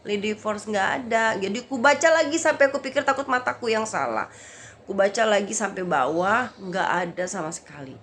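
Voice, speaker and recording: A woman's voice: mid-range voice, lively intonation, moderate pace, a bit bright, a little hiss or hum. A woman vlogger and street evangelist who tells a story in casual vlog style and keeps addressing her viewers as brothers and sisters.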